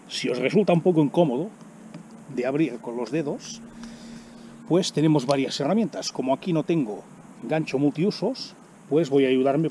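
A man's voice: mid-range voice, mellow, a little hiss or hum. Chatty man eating outdoors. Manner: chatty, exclaims while eating. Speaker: vlogger. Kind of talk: casual outdoor vlog narration. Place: outdoors by a road in the woods. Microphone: camera on the ground in front.

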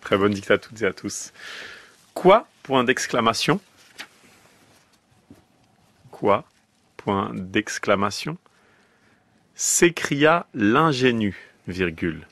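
A man's voice: lowish voice, big pitch swings, slow pace, a bit bright. A man reading a dictation on the radio, going word by word, calling out the punctuation and repeating each phrase. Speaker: dictation reader. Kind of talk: slow, deliberate dictation. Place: radio studio.

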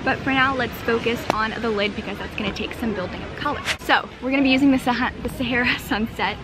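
A young woman walks through a makeup tutorial in a bubbly, chatty way. Her voice sits a little high. She is filmed close up on a camera at an outdoor picnic table, with clear outdoor noise and passing vehicles behind her. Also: fast talker. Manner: bubbly, chatty, lots of "super" and "fantastic". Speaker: beauty vlogger. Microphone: handheld camera close up.

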